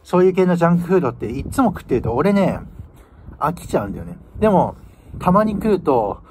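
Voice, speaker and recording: A man's voice: on the high side, big pitch swings, fast talker, darkish tone. A man in his twenties from northern Japan, chatting casually to camera outdoors while chewing his food. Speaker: vlogger. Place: outdoors by a building in winter. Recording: outdoor ambient noise, phone microphone.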